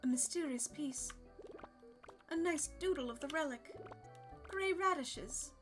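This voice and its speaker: A woman's voice: sits high, a little slow, music in the background. A young adult woman streaming a game live, chatting casually with frequent giggles and reading game text aloud.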